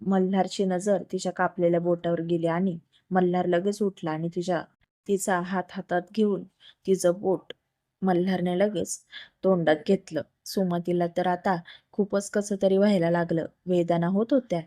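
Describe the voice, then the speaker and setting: A woman storyteller reading a romance story aloud in an even, unhurried way. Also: on the low side, dry recording.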